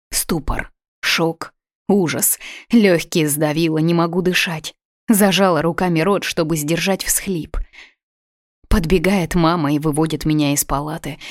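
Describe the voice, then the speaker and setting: A woman's voice: sits low, no room sound, studio quality. A woman reading a first-person story aloud, dramatic and emotional in her delivery. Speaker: audiobook reader. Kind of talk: first-person scripted narration.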